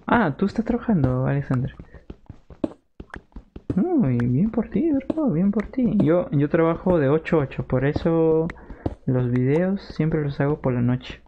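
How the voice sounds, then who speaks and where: A chatty Peruvian streamer with a Peruvian Spanish accent talks in a fairly high, sing-song voice at a measured pace while playing a game from his room at home. He reads and answers viewer messages and bursts out with jokes now and then. The audio is slightly dull and lo-fi, with a little faint noise.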